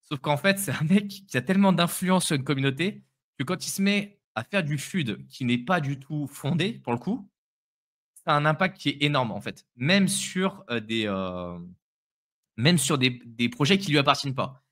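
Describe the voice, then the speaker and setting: A man's voice: a little high, lively intonation, moderate pace, fairly bright tone. A man co-hosting a live crypto stream, giving his opinions in casual chat with frequent restarts and repeated words.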